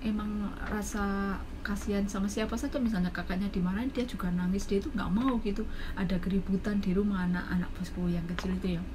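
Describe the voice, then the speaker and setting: A woman in her thirties with a Javanese Indonesian accent, chatting through a story for her vlog at a middle pitch. She talks animatedly, putting on the voices of the people she quotes. Steady background noise sits under her voice. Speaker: domestic worker vlogger. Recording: noisy background.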